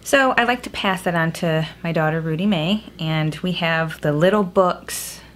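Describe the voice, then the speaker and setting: A woman's voice: on the low side, moderate pace. A young woman chatting casually about a book haul as a vlogger, recorded in a small room with a cave-like echo. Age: young adult. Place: small indoor room at home. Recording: echoey cave-like room, clear background noise.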